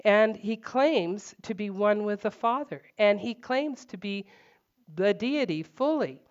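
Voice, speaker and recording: Woman teaching the Bible, smooth and emphatic. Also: medium pitch, lively intonation, a little slow. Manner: conversational, emphatic, many fillers. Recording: dull lo-fi recording.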